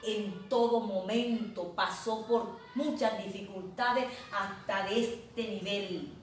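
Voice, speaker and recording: A woman pastor preaching a sermon slowly and earnestly, speaking directly to her listeners. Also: medium pitch, fairly even intonation, recorded from a distance. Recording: very echoey room, voice from off mic, faint noise.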